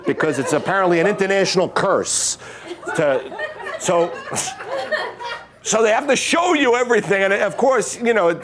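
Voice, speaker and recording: A man's voice: sits high, animated, moderate pace, long pauses, a crowd in the background. Wry stand-up comedian man. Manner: wry, conversational joke-telling.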